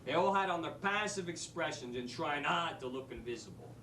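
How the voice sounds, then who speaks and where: A man's voice: fairly high pitch, a little fast, a little hiss or hum. A man playing a brash New wise guy. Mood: wisecracking. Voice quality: wisecracking, streetwise, animated. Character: brash male New York street-smarts teacher. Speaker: actor in a drama school showcase monologue. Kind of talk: stage monologue. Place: theater stage. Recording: echoey stage from a distant mic.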